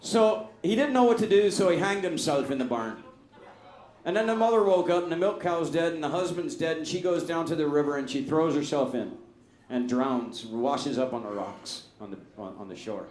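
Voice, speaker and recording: A man spins out a long shaggy-dog joke in a rambling, deadpan manner. His voice is somewhat high for a man, and the room adds a noticeable echo. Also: normal speed. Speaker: joke teller.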